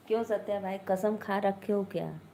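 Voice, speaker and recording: A woman's voice: medium pitch, warm tone, slight background noise. Chatty woman hosting a live stream. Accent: Awadhi-tinged Hindi. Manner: chatty, reads out and answers viewer comments. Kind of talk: casual live stream chat with viewers.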